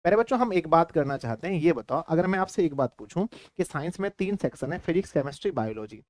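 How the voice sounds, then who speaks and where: A man's voice: fairly high pitch, animated, fast, no room sound, clean studio sound. A man with a Bihari Hindi accent teaching a class, repeating himself and quizzing his students. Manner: repetitive, keeps quizzing students. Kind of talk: classroom lecture.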